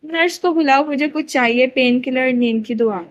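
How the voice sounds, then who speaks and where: A woman's voice: high voice, a bit bright, dull audio. A woman voicing a sarcastic, grumbling injured man. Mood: irritated. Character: injured young man in hospital, irritable and sarcastic.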